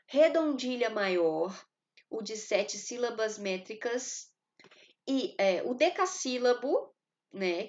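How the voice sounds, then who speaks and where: Woman teacher explaining a lesson. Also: mid-range voice. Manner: explanatory, addresses students directly, frequent hesitation fillers. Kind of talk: recorded class lesson.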